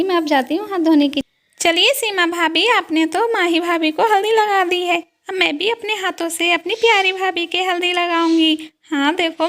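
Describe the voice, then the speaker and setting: An eager, chatty young sister-in-law in a homemade doll story, as a woman plays her. She talks in a cheerful rush. Her voice is very high-pitched. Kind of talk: doll story role-play.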